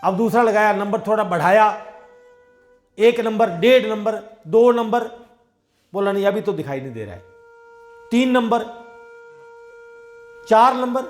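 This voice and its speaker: Faint music plays behind a high-voiced, animated man who talks a little slowly and leaves long pauses. He is a satsang preacher giving a devotional sermon, telling everyday parables conversationally and performing the dialogue in his own voice.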